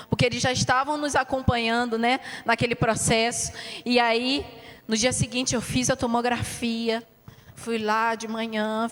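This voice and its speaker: In a church hall, a woman pastor delivers a heartfelt sermon built on her own testimony, often turning aside to address the congregation. Her voice is a little high, and a long reverb tail trails after it.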